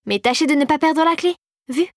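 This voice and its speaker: An impatient little fairy with a sharp, sarcastic tongue, pitched high, voiced by a woman reader. The sound is dry and close. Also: brisk, no room sound, natural voice. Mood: snippy. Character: small sassy female fairy, impatient.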